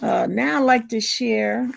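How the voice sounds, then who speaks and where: A woman hosts her own channel and reads uplifting poems in a gently encouraging tone. She talks at an exceptionally slow pace, in a slightly high voice. A gravelly texture runs through it. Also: a little hiss or hum. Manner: unhurried and gently encouraging, with fillers and restarts. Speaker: channel host. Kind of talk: casual introduction and poetry reading.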